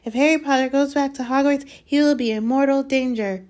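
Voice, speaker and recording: Woman putting on a squeaky, servile little male elf. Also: fairly even intonation, fairly quick, a little mellow, natural voice. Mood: alarmed. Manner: squeaky, speaks of self in third person. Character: small excitable male house-elf, servile, reverent, fearful. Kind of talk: dramatised storybook reading.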